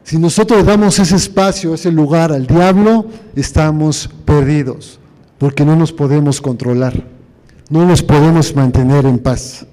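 A man preaches in a church hall, telling stories and putting questions to the congregation, with the hall's long reverb audible. His fairly high voice is dark in tone and unhurried.

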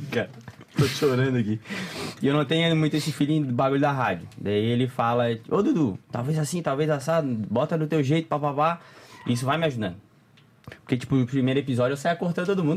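A young male podcast guest with a mid-range voice keeps things casual, slangy and full of laughter while telling animated stories. A slight hiss or hum runs under the recording.

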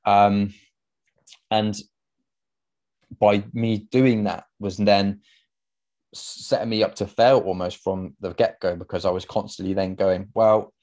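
A man's voice: on the low side, level tone, slow, long pauses, a little mellow. A young man, a fitness coach, talking through his solo podcast in an earnest, conversational way, full of fillers and restarts.

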